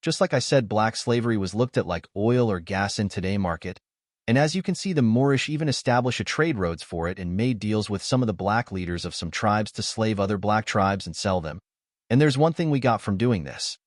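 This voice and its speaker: A man's voice: fairly low pitch, lively intonation, a little fast, dry recording, clean studio sound. A man from North Africa narrating an argumentative commentary video, scornful and lecturing.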